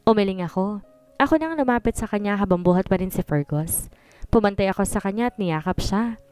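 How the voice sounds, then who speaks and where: A woman's voice: medium pitch, expressive, brisk, a little mellow, smooth, dry recording, faint music behind. A woman narrating a dramatic first-person story in a scripted style, switching between Tagalog and English.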